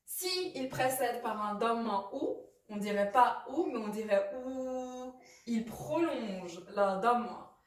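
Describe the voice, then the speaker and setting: A woman teaching how to read letters, patient and repeating sounds slowly with examples. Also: fairly high pitch, animated, roomy sound, recorded from a distance. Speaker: Arabic reading teacher. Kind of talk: explaining lesson.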